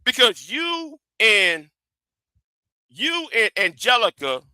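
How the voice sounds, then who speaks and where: A man's voice: very high-pitched, huge pitch swings, slow pace, sharp tone, smooth, no room sound, studio quality. A man hosting an informal livestream rant, stammering and often repeating the starts of his phrases. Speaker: livestream host.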